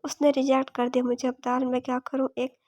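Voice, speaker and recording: A woman's voice: high-pitched, completely flat delivery, quick pace, a little mellow, no echo. A woman reading the lines of a jealous, lovesick young woman in a romance audiobook. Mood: tearful. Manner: read plainly in the narrator's voice.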